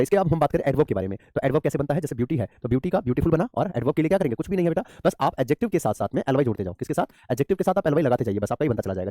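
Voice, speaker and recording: Male English teacher, rapid-fire delivery, mellow tone, quizzes students and answers himself. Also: mid-range voice, no room sound, clean studio sound. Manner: addresses students as beta, asks and answers his own questions. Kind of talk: online grammar class.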